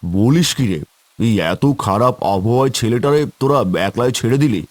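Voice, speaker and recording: A man does cartoon character acting as an anxious, scolding village man among the tea-stall regulars, fretful, folksy and full of questions. His voice is medium-pitched and lightly acted at a moderate pace, with no echo, and he sounds worried and chiding.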